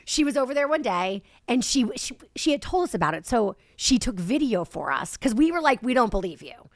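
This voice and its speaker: Animated giggly woman telling a story. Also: fairly high pitch, fairly quick, no echo, studio quality. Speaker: podcast host. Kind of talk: casual chat.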